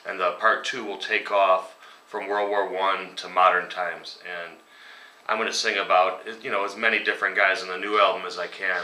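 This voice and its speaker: A forties-aged metal band singer, low-pitched with a bright, forceful tone, answers interview questions at his dining room table at home, rambling casually with plenty of ums and chuckling at grim stories. The echoey room leaves his voice a bit distant, with slight background noise.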